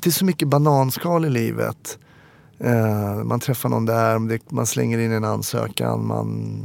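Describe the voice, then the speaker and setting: A man speaks candidly in an interview, with a deep gravelly crackle in his voice. He thinks aloud, often pausing and hesitating as he tells his stories. The sound is dry and close, with no room around it. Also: darkish tone, no room sound. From Stockholm, Sweden. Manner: reflective storyteller, frequent hesitations. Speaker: guest, former police officer.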